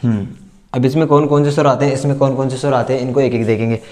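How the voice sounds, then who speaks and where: A man teaching a class, repeating terms slowly and asking and answering his own questions as he writes them down. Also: medium pitch, fairly even intonation, warm tone. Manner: dictates as he writes. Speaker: Hindi teacher. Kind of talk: classroom lesson at a board.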